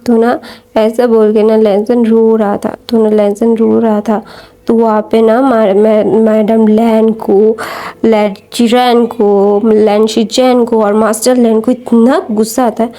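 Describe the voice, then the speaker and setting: A woman retells a story in a casual, rambling way, full of fillers and false starts. Her voice sits a little high and sounds mellow and soft. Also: level tone, slow. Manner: rambling, many fillers and restarts.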